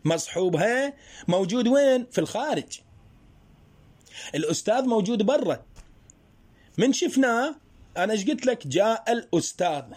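A man teaching a grammar lesson. He explains slowly through worked examples and asks his students rhetorical questions. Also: high voice, big pitch swings, a little mellow, breathy edge. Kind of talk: spoken Arabic grammar lesson.

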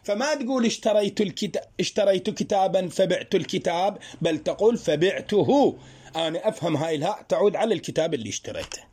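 A man teaching a grammar lesson. He explains slowly through worked examples and asks his students rhetorical questions. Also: high voice, animated, a little mellow, husky. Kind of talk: spoken Arabic grammar lesson.

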